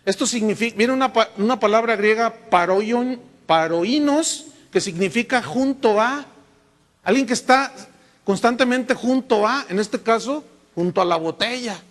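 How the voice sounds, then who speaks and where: A man with a Mexican Spanish accent preaching a sermon as a pastor, lively and full of rhetorical questions to the congregation. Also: very high-pitched, normal speed. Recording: long reverb from a large hall.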